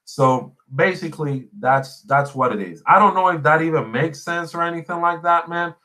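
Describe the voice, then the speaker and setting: A man's voice: a little high, normal speed, bright, forceful tone. A man with a Puerto Rican accent and Spanish as his first language hosts a casual chat, telling stories emphatically and repeating phrases for effect. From Puerto Rico. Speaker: podcast host and small YouTuber. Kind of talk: casual chat answering live viewer comments.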